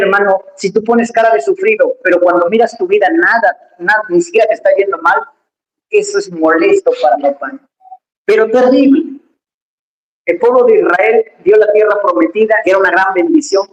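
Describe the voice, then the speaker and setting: A pastor preaching a lively, emphatic sermon, speaking straight to the congregation in a church. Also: mid-range voice, moderate pace. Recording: echoey church hall.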